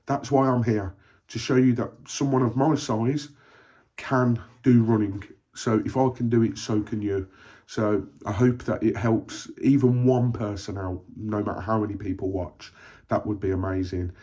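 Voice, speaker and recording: Brief: young Birmingham-accented man, low-pitched, chatty vlogger, encouraging, fillers. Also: steady tone, moderate pace, dark tone. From Birmingham, England. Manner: chatty and encouraging, frequent ums and uhs. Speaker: running vlogger. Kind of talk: casual vlog talk to camera.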